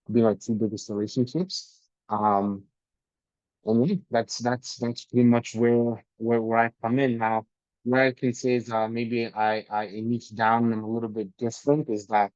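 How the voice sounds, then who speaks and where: Canadian broker on a muffled conference call, lowish voice, dry close sound, chatty with lots of restarts. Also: male voice, a little mellow, no room sound. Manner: conversational, restarts and repeats words often. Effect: muffled conference-call audio through headphones. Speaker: mortgage broker guest. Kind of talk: self-introduction on a group video call. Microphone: headphone mic on a video call.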